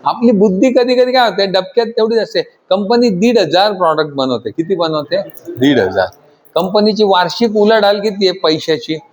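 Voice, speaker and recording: A man teaching a class of trainees, constantly questioning the students and urging them to answer louder. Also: sits high, animated, moderate pace. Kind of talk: classroom lecture.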